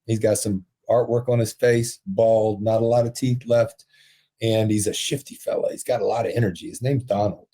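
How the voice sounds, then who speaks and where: Earnest man, mellow low voice. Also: fairly even intonation, moderate pace. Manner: earnest, emotional storytelling with soft laughs. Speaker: podcast guest, prison ministry founder. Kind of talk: storytelling in a podcast interview.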